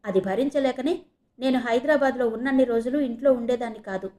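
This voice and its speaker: A woman's voice: fairly high pitch, fast, warm tone, close to an everyday voice. Indignant young student girl, voiced by a woman. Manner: indignant, complaining. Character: young female student, hurt and defiant.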